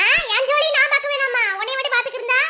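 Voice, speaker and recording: A woman's voice: very high voice, fairly even intonation, very fast, noisy background. A woman with a Madurai Tamil accent voicing a bossy, mocking young village daughter in a cartoon, chiding in a sing-song way. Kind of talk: cartoon voice acting.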